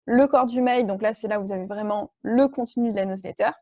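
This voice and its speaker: A woman presenting an online training session, walking her audience through each point with a patient, explanatory manner. Her voice is warm and mellow, of middle pitch, and the recording is dry and close with no room echo. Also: quick pace, muffled recording. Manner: explanatory, many fillers and restarts. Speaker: workshop trainer.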